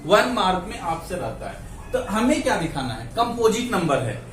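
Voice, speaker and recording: A man's voice: high-pitched, very animated, normal speed, a bit bright, a little hiss or hum. A male maths teacher working through problems with his class, speaking mixed with English terms and often checking in with "ठीक है ना". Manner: repeats "ठीक है ना", counts steps aloud. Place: classroom with students. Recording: echoey classroom, mic far off.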